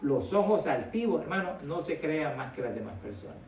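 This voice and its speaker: A man's voice: a little high, animated, moderate pace, vocal fry, a little hiss or hum. A middle-aged man from El Salvador, preaching a sermon in a conversational way and often calling his listeners brother. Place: church hall. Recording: echoey hall, voice from a distance.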